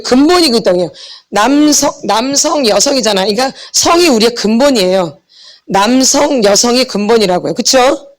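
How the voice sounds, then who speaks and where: A woman teaching a church healing seminar in a sermon style, asking her listeners short questions and answering them herself. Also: fairly high pitch. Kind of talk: teaching sermon with call and response.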